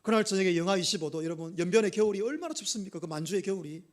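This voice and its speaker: A middle-aged male pastor preaching a sermon, telling a story and throwing questions to the congregation, with loud emphatic bursts and quiet dropped phrases. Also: high-pitched, lively intonation, racing. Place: church sanctuary.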